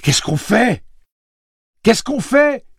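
A terrified young woman cries out in a very high, straining voice, put on by a male narrator. Her shouts are frantic and desperate, with a husky grain, recorded close and dry. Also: animated, takes it slowly, dry recording, heavily acted. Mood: panicked. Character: panicked young woman gunslinger companion.

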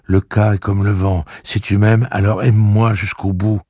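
A man's voice: fairly low pitch, flat delivery, moderate pace, dark tone, slightly rough, dry recording, studio quality, voice pushed up. A man reading an audiobook and voicing a devoted young woman who speaks in an intense, pleading way.

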